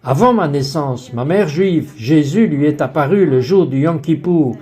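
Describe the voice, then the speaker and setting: A man's voice: a little high, lively intonation, unhurried, dark tone. A man giving the French voice-over for a woman guest on a faith talk show, telling her story in an earnest way.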